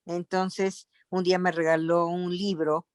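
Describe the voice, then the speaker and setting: Smooth, slow woman. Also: fairly low pitch, little pitch movement, no echo. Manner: measured, personal storytelling. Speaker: artist panelist. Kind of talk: panel discussion talk.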